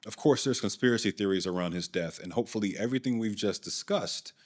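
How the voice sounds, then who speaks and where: A man's voice: lowish voice, quick pace. A man hosting and narrating a documentary in a scripted way, with dry, sardonic asides. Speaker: documentary host.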